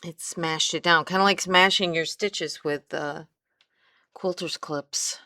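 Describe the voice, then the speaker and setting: A middle-aged Midwestern craft instructor with a light accent chats through a tutorial in a low, unhurried voice that's steady, bright and forceful. She rambles, trails off mid-sentence and picks the thread back up as she works with her hands. The recording is close and dry, with no room sound behind her.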